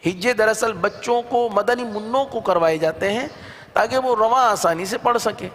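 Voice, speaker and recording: High-voiced man teaching slow recitation. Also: fairly bright tone, in a large hall, a little hiss or hum. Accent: Urdu. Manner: drawn-out chanted syllables between quick explanations. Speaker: Quran reading teacher. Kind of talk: slow spelled-out recitation lesson.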